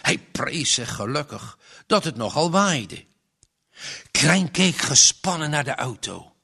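Gravelly, lively man reading a story. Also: on the high side, slow. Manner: lively, expressive read-aloud delivery.

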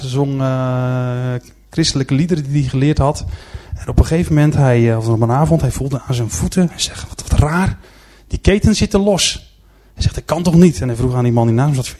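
A man's voice: mid-range voice, warm tone. A man presenting to an audience, speaking earnestly with frequent filler sounds while he talks through a series of pictures. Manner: earnest storytelling. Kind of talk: church-style presentation with slides.

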